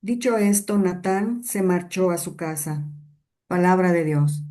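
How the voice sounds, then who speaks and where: A woman in a Bible class reading a scripture passage aloud, slow and careful. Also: lowish voice, warm tone. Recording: distant from the mic.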